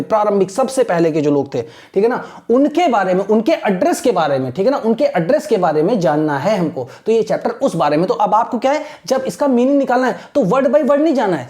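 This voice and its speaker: Man teaching slowly with a chatty tilt. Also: high-pitched, darkish tone. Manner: repeats 'thik hai na', slows right down to spell out English words; urging, motivational. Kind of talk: casual spoken lesson.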